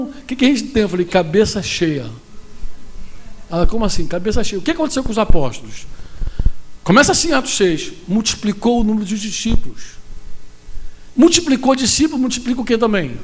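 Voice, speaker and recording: A man with a Brazilian Portuguese accent preaching at a pastors' conference, animated and talking straight to his listeners with frequent asides. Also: very high voice.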